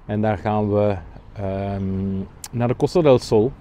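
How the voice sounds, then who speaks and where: A man's voice: fairly low pitch, a little hiss or hum. Chatty Flemish man vlogging outdoors. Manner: relaxed, chatty, with frequent filler pauses. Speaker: travel vlogger. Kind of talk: casual vlog narration. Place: outdoors, walking on a trip. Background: music.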